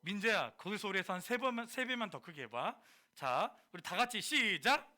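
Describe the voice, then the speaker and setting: A man preaching to a high school youth group, animated, quizzing the listeners and slipping into casual speech. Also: normal speed.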